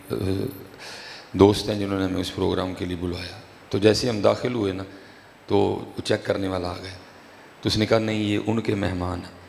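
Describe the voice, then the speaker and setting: A man preaches to a gathered crowd, his low voice rough with fry and held to a narrow range. He slips between slow chanted prayers and easy, chatty explanation. The hall's long echo rings after him over a faint hum of noise. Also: a little mellow. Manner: conversational, repeats "ٹھیک ہے جی". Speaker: religious speaker. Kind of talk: sermon at a gathering. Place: religious gathering hall. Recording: echoey hall, faint background noise.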